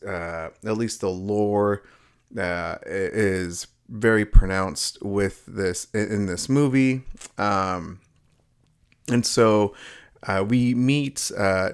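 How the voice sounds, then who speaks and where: A man with a lowish, smooth voice hosts his own home video review channel. He talks slowly and loosely, rambling through the film with many fillers and restarts. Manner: upbeat, excitable opening. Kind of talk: casual spoken review.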